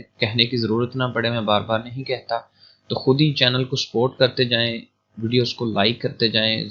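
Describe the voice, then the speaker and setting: A young man from Pakistan talks through a computer science lesson as he records his screen. He keeps it informal and repeats key points, checking in with his viewers again and again. His tone is bright and forceful, and the recording sounds a little muffled and lo-fi. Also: mid-range voice. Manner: chatty, repeats points, keeps adding "theek hai". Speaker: online lecture tutor.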